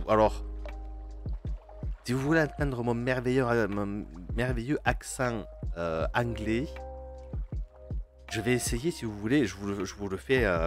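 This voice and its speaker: A man streaming a game live, hesitant and full of fillers, chatting with his viewers and reading game text aloud. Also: medium pitch. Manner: hesitant, many fillers and restarts, chats with viewers.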